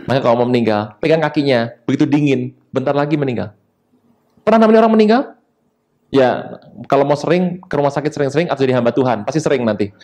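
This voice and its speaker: A man preaching a sermon, talking in a lively way with sudden high emphatic rises and quick asides. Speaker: pastor.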